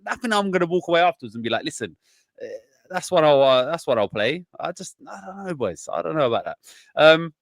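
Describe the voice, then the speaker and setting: A man's voice: fairly high pitch, a bit bright, no room sound, studio quality. A man co-hosting a film podcast, rambling and swearing a lot while a bit drunk. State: tipsy. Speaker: podcast co-host. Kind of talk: casual film review chat.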